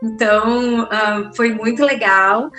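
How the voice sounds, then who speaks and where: Apresentadora de voz aguda, sala ecoante. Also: female voice, on the high side, fairly even intonation, takes it slowly. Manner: rambling, warm-thanking, fillers like "né" and "assim". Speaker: podcast host. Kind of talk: casual interview hosting. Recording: roomy echo with light music.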